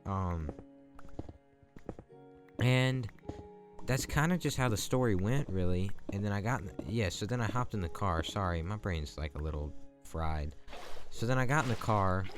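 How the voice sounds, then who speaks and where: A man's voice: low voice, expressive, moderate pace. A young man telling a long story in a rambling, chatty way while he plays a game. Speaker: gaming channel host. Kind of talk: casual storytelling over gameplay. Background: background music.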